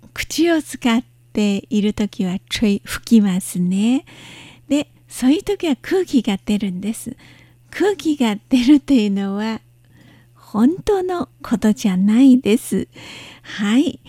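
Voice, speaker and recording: A woman gives a language lesson and explains each word with slow, careful patience. Her voice sits a little high, with a warm, mellow tone. It is recorded close and dry, with no room sound. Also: animated, no echo. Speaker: Chinese language teacher.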